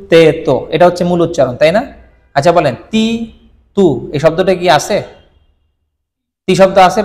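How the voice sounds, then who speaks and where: A man teaching vocabulary in a classroom-style drill, repeating each word slowly and quizzing his listeners. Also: fairly high pitch. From Bangladesh. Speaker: Japanese language teacher. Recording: long reverb, echoey room.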